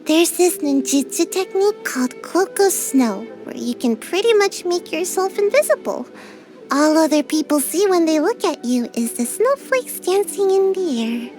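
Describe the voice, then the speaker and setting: A woman performs video game character lines as a tiny, drowsy girl ninja who keeps sighing and shirking her work. She speaks at an extremely high pitch with lively intonation and a normal pace, her tone slightly mellow, over soft background music.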